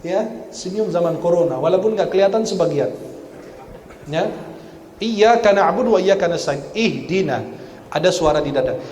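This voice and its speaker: An Arabic-speaking Quran teacher and preacher with a high-pitched voice gives a religious lecture at normal speed, animated and teasing as he drills the audience on pronunciation one sound at a time. His words echo through a large mosque hall over a faint murmur of room noise.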